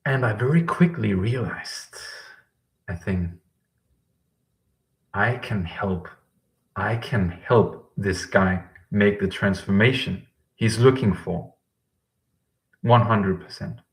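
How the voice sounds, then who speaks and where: A man works as a language coach hosting a live-stream question session, talking to chat viewers and rambling with frequent ums and self-corrections. His voice is on the low side, slow, with long pauses, and the recording is rough.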